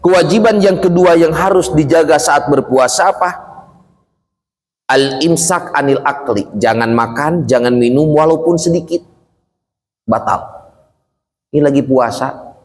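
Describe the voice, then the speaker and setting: A man, an Islamic cleric, giving a humorous, colloquial lesson on fasting law in a mosque. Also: a little high. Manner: joking, colloquial, acts out little scenes. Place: mosque hall. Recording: long hall reverb.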